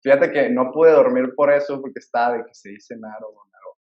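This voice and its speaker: A man's voice: mid-range voice, steady tone, fairly quick, highs cut off. Male podcast host in an echoey room. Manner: earnest and admiring, reads introductions. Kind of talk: podcast interview hosting.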